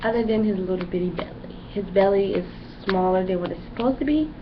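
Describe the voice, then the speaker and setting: A young woman talks fast in a mid-range voice while vlogging a rambling pregnancy update. She's chatty and leans heavily on fillers, and the lo-fi home recording is dull with noise in the background.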